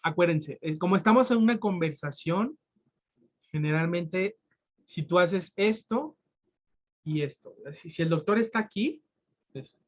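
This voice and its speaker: A man leads a sign language lesson at a slow, patient pace and keeps checking that his students follow. The sound is dull and lo-fi, as if heard through a video call. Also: high voice. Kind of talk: online class explanation.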